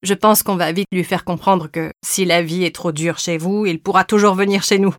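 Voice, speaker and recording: A woman's voice: fairly low pitch, fairly even intonation, moderate pace, no echo, studio quality, close to an everyday voice. A woman reader voicing an awkward young man who stammers and hesitates, in an audiobook.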